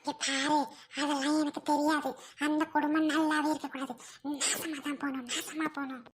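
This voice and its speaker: A woman's voice: level tone, a little fast, slight background noise, close to an everyday voice. A woman voicing a bitter, stubborn older wife who coldly curses her in-laws. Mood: spiteful. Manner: low, cold, cursing.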